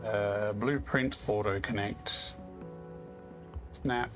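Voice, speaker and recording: A man's voice: medium pitch, animated, unhurried, music in the background. A man giving casual gameplay commentary, thinking aloud in a self-deprecating way as he hosts. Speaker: gaming video host.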